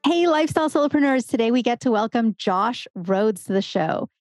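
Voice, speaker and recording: A woman's voice: fairly high pitch, animated, brisk, darkish tone, no echo, soft background music. A woman hosting a podcast, introducing and questioning a guest in a conversational interview style.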